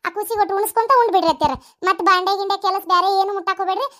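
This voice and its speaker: A woman's voice: extremely high pitch, fairly even intonation, very fast, sharp tone. A woman voicing a busy, caring village daughter-in-law in a cartoon story, chattering and fussing, with a North Karnataka accent. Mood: brisk. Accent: North Karnataka Kannada.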